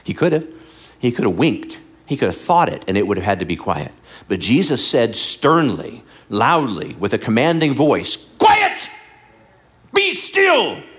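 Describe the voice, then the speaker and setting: A male pastor delivering a lively sermon, sometimes acting out the lines he quotes. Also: lowish voice, moderate pace, slightly rough. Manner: animated, acts out voices and quotes. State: bad back.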